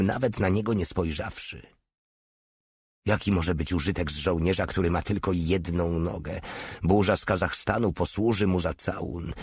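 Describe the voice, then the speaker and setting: Brief: male audiobook narrator, deep and husky, steady measured read, dry close sound. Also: dry recording.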